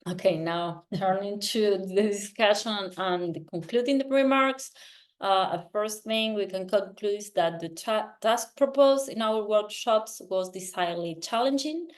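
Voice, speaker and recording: Woman giving an academic talk. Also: mid-range voice. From Argentina. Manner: measured, with frequent filler sounds and restarts. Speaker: researcher presenting a poster. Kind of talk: academic presentation.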